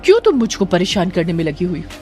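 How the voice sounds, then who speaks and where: A woman voicing a young husband who angrily shouts and scolds in a storybook tale. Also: fairly low pitch, big pitch swings, fast, faint music behind. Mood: angry shouting. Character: angry young husband, bookish and harsh.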